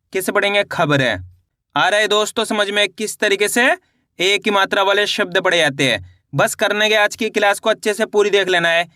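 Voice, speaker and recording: Male reading teacher, high bright clean voice, slow patient syllable drills, dry close mic. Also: no echo. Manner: slow, patient syllable-by-syllable spelling with repeated questions to viewers. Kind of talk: online reading lesson.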